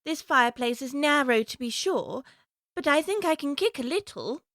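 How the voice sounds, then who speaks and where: A woman's voice: high voice, animated, moderate pace, fairly bright tone, no echo, clean studio sound. An actress playing Alice, a curious, plucky young girl who thinks aloud earnestly to herself. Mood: musing.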